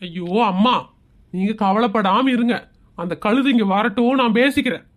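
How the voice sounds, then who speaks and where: A woman's voice: high voice, expressive, fairly quick, fairly bright tone, slight background noise. A woman voicing a harried middle-aged husband and son in a cartoon skit, pleading and soothing.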